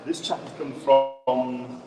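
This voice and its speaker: Polite English host in an echoey hall. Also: male voice, medium pitch, little pitch movement, slow, over loud music. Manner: polite, chatty questioner. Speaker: panel host. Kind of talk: hosting a live panel interview. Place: museum room with audience. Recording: echoey room, far from mic, crowd.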